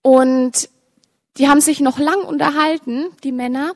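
A woman's voice: sits high, normal speed. Woman storyteller in a reverberant hall. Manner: lively, direct address to listeners. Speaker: storyteller for children. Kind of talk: telling a story with pictures to an audience. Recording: long reverb, large hall.

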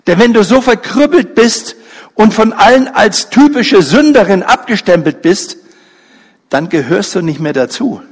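In a church hall with a reverberant sound, a man preaches a sermon in an expressive voice with a breathy edge. He tells a story dramatically, briefly acting out its characters, speaking slowly with pauses and wide pitch swings.

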